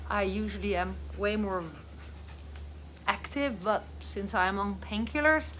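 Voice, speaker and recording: Woman vlogger, live stream from home, rambling and filler-heavy, slightly groggy, mid-pitched voice. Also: animated, measured pace, fairly bright tone, slight background noise. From Netherlands. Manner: chatty, rambling, with many fillers. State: groggy on painkillers after dental work. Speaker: vlogger and online business coach. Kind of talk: casual live-stream talk. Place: home, with dogs nearby.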